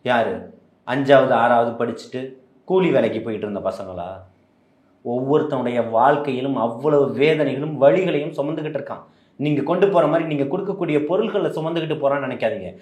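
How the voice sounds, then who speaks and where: A man from answering questions as a party spokesman in a heated interview, combative and full of rhetorical questions that build into impassioned shouting. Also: fairly high pitch, reverberant.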